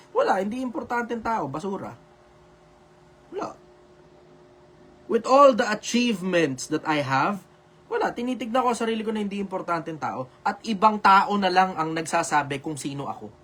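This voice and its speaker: A man's voice: high-pitched, animated, normal speed. A man with a Filipino accent, hosting a live video-call show and giving blunt, emphatic advice that he often repeats. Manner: says he speaks loudly on purpose for social media. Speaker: live show host answering viewer questions. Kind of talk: loud, preachy live advice talk.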